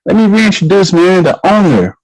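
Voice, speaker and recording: A man hosting an online league talk show, talking in an animated, slangy way and repeating himself as he builds hype. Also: sits high, moderate pace, no echo, poor audio. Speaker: show host.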